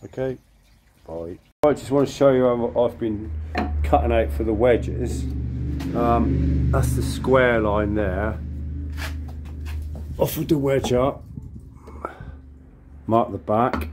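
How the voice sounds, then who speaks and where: A man's voice: medium pitch, takes it slowly, pauses often. A man giving a casual hands-on woodworking demonstration outdoors, informally muttering asides to himself as he works. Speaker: woodworking video presenter. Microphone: handheld camera. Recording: clear background noise with clicks.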